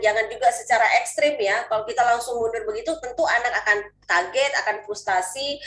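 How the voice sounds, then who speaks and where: A woman gives her view on a panel, pausing often on fillers as she searches for words. The room around her is echoey. A faint ambient noise stays underneath. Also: mid-range voice. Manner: hesitant, full of fillers. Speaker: panel speaker. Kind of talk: casual panel discussion.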